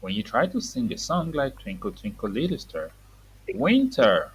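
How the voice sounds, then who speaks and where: A woman's voice: extremely low pitch, big pitch swings, normal speed, a little hiss or hum, poor audio. A woman teaching reading to a young child, saying words for the child to repeat and explaining them simply.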